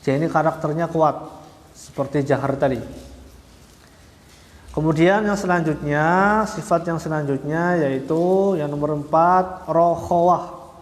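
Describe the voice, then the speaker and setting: A man teaching Arabic letter pronunciation, slowly and patiently, repeating each point and sounding out the letters syllable by syllable. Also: on the high side. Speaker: Quran recitation teacher. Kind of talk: religious lesson. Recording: echoey hall, roomy reverb.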